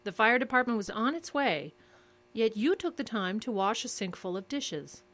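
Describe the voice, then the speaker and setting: Cool and probing, a female voice-actor voices a secretive interrogator in an audio drama, pressing with clipped, measured questions. Her voice is a little high, animated, and slightly bright.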